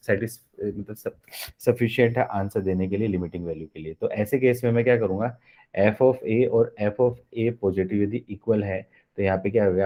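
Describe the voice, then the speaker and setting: A man's voice: lowish voice, dark tone. A man teaching a live online maths lecture in a Hindi-mix, explaining step by step and constantly asking the class questions.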